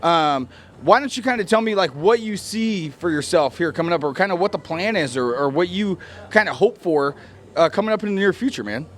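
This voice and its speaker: Higher-voiced man, chummy sports interviewer. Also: expressive, brisk, a bit bright. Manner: informal, chummy, says man often. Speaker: interviewer, former fighter.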